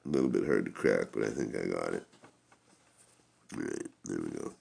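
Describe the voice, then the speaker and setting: A man giving a casual product review in a rambling, halting way. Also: extremely low pitch, lively intonation, gravelly, darkish tone, husky.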